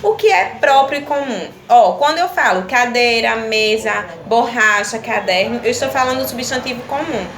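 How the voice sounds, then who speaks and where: Gravelly teacher in an echoey room. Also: female voice, a little high, lively intonation, normal speed, hardly any pauses, fairly bright tone. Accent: Brazilian Portuguese. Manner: patient, repeats "tá certo?" to check in with pupils. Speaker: primary school teacher. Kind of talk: recorded video lesson for children. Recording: echoey room with faint ambience.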